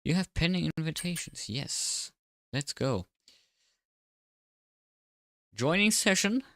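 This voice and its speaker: A man speaking with braces that make his S sounds slightly off, chatting casually and commentating on a livestream in a low-key, dryly sarcastic way. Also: very animated, slow pace, fairly bright tone, dry recording, studio quality. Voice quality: slightly slurred, odd S sounds from new braces. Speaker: livestreamer and sim racing commentator.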